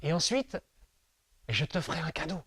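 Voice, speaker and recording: A man voicing a gentle old talking tree. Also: sits high, big pitch swings, moderate pace, dry recording. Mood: tender. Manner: soft, coaxing, fatherly. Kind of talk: storytelling.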